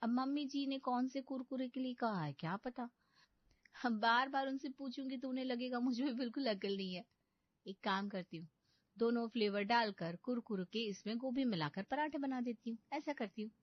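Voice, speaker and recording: A woman's voice: fairly high pitch, normal speed, dry recording, muffled recording, lightly acted. A woman voicing a naive, dim-witted young bride who talks innocently and sweetly in a cartoon story. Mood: musing.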